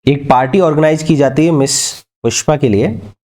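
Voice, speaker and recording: Mellow-voiced man teaching literature. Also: on the high side. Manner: mixes Hindi with English, dictates English lines slowly; asks and answers his own questions. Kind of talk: exam-prep lecture.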